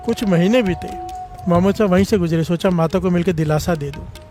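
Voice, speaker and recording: High-voiced male preacher calling out refrains. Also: brisk, darkish tone, soft background music. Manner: calls out refrains for congregation response. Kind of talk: devotional sermon with storytelling.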